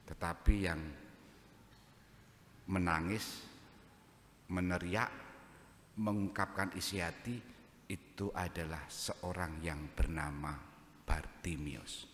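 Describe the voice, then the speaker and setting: Javanese-accented priest in an echoey church. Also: male voice, deep voice, slow, pauses often, a little hiss or hum. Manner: joking, conversational preaching mixed with local phrases. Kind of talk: homily.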